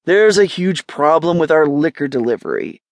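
A woman voicing an excited, upbeat young man who loves to party, in an audiobook. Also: sits low, normal speed, no echo. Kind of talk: audiobook character voice.

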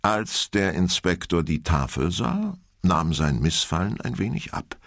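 A male audiobook narrator reading in a measured, expressive way. His voice is very deep, gravelly and husky, with a lively melody. The sound is dry and close. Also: no room sound. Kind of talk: scripted narration.

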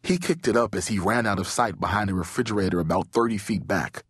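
A man reads a children's audiobook with expressive storytelling, his fairly low voice rising and falling widely. There is a husky grain to it, and the recording is dry and close. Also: quick pace, no room sound. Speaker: audiobook narrator. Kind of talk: scripted audiobook narration.

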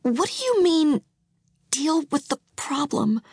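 A woman narrator voicing a panicked, tearful young wife who speaks in high, breathless, pleading whispers. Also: lively intonation, moderate pace, no room sound, studio quality. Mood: frantic.

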